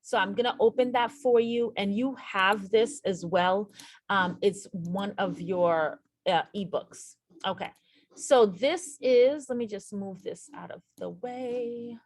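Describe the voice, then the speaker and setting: A woman's voice: mid-range voice, slow, darkish tone, no echo. A woman teaching a nursing exam lesson over a screen share, speaking straight to her viewers and repeating the key points for emphasis. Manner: addresses viewers directly.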